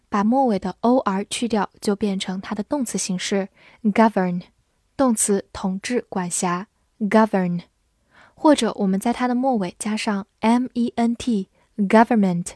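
A woman English teacher who spells words letter by letter and reads example sentences slowly and clearly. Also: mid-range voice, mellow, no echo, clean studio sound. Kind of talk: vocabulary lesson, spelling and slow reading.

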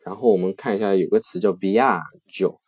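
一位男老师用中文讲解意大利语语法，耐心细致，关键的变位形式会放慢反复念。. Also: male voice, low voice, a little mellow, dry recording. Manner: patient, repeats key forms slowly. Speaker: Italian language teacher. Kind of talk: grammar lesson explanation.

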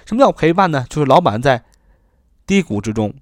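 A man's voice: on the high side, sing-song, a little fast, no room sound, studio quality. A man teaching English vocabulary, repeating each word and spelling it out letter by letter, with rhetorical questions and chatty particles. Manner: sprinkles sentence-end particles, rhetorical questions. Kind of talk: explanatory vocabulary lesson.

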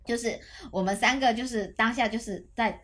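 Young female podcast host, lively storyteller, quick laughs, voice on the high side. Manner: animated, chatty, laughs often while telling a story. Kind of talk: casual storytelling chat.

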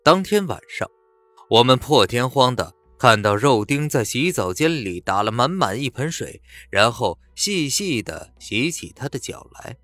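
A man reading a scripted horror story aloud in a lively, expressive way. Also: medium pitch, unhurried, dry recording. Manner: lively, expressive, acts out dialogue. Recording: dry close mic with faint music bed.

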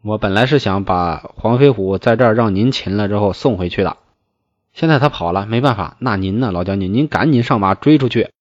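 A man reading a classical novel aloud and explaining it in colloquial speech, with lively, folksy asides. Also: fairly low pitch, a little fast, no room sound. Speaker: storyteller. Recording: dull, dry lo-fi recording.

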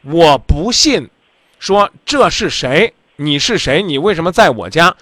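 A man's voice: a little high, animated, a little slow, fairly bright tone, no echo. A man hosting a radio call-in advice show, talking bluntly and insistently, lecturing the caller.

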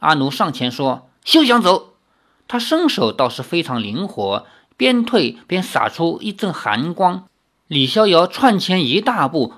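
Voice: mid-range voice, fairly bright tone. A storyteller reading a novel aloud in a chatty retelling style, dropping filler particles between phrases. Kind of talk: audiobook narration.

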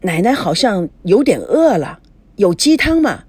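A reader voicing a frail, fond grandmother in her later years, speaking weakly and haltingly in a storybook drama. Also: mid-range voice, very animated, darkish tone, slightly rough, no room sound. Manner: weak, halting speech.

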